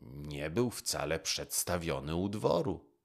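A man's voice: a bass voice, animated, takes it slowly, gravelly, exaggerated voice. A man doing a haughty flustered courtier. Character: haughty scurrying male courtier.

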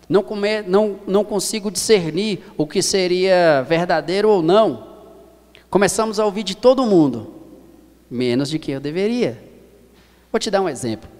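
A man in his thirties with a Brazilian Portuguese accent, preaching a sermon earnestly and repeating phrases for emphasis. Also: high voice. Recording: long hall reverb.

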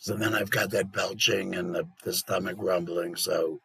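A man with a gargly laryngectomy voice made through the esophagus with a valve, giving an informal educational talk and pausing to swallow and clear mucus. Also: sits low, steady tone, fairly bright tone. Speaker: patient educator.

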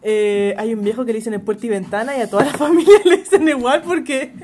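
Chilean woman co-host, high pitch, teasing, slangy questioner. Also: steady tone, fast talker, music in the background. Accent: Chilean Spanish. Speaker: podcast co-host. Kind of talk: casual chat.

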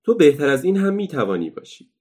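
A man's voice: medium pitch, sing-song, close to an everyday voice. A man doing a bold cheeky little girl. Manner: cheeky and friendly. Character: bold cheerful young girl, unbelievably strong.

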